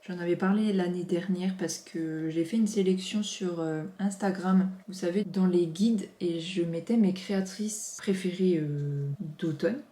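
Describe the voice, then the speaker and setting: A woman's voice: on the low side, unhurried, hardly any pauses, warm tone. Gushing French woman in a roomy room. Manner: gushing, chatty, lots of exclamations. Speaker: vlogger. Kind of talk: casual unboxing chat. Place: home office. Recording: roomy echo.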